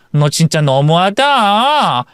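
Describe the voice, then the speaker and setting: A man's voice: high-pitched, fairly bright tone, smooth, no room sound, studio quality, full character voice. A man voicing a sneering, mocking middle-aged woman bully in a story radio drama. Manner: mocking, cackling.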